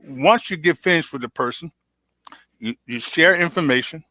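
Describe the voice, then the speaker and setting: A man's voice: a little high, normal speed, pushed and bright, dry recording. A man hosting an interview, speaking in an affirming, conversational way. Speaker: host.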